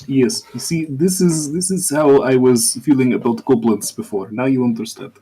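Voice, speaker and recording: A man voicing a theatrical, formal, detached adventurer in improvised tabletop role-play, with a husky voice and measured manner. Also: mid-range voice, dark tone. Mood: gloating.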